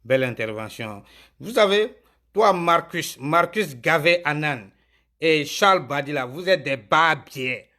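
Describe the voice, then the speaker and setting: Live stream host, man, high-pitched and bright, heated and insulting. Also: expressive, unhurried. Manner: angry, insulting, repetitive.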